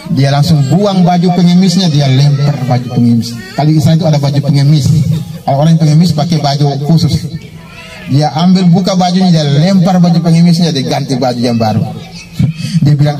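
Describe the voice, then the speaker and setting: A man's voice: a little high, brisk, distant mic, over music. A man preaching a casual storytelling sermon, chatty, laughing at his own jokes and acting out the characters.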